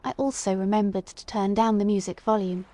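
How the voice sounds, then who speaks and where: A woman's voice: medium pitch, brisk, warm tone. Cast: woman streamer, casual gaming chat through livestream headset audio, greeting viewers and thinking aloud.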